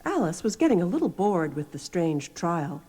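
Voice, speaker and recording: A woman's voice: fairly low pitch, big pitch swings, normal speed, dark tone. A woman reading scripted storybook narration on an album. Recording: noisy album recording.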